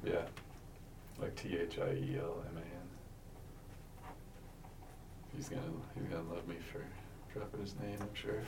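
A man answering questions as a witness, halting and unsure, often restarting his sentences. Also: sits low, fairly even intonation. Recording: distant mic with faint noise.

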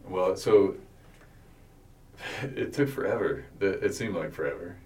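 A man answering questions as a witness, halting and unsure, often restarting his sentences. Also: deep voice, darkish tone. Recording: distant mic with faint noise.

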